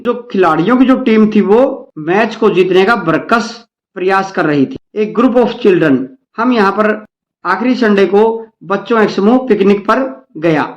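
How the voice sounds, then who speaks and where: A male teacher with an Indian accent reads each English line slowly, then explains it in Hindi to the children he calls dear kids. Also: sits high, dull audio. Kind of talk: bilingual English-Hindi lesson.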